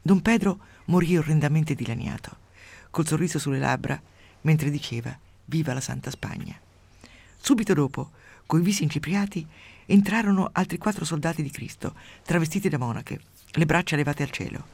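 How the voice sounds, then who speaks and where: A woman radio host reading a literary passage aloud with dramatic swings from hushed to loud, then chatting with a guest. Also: deep voice, a little fast, no room sound.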